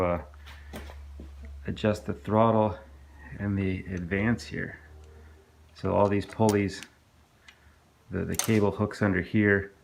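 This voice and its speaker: A man's voice: lowish voice, gravelly, a little hiss or hum. A man casually narrating his work on an old outboard engine in a home workshop, with lots of hesitant restarts and fillers. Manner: rambling, hesitant, full of restarts and ums.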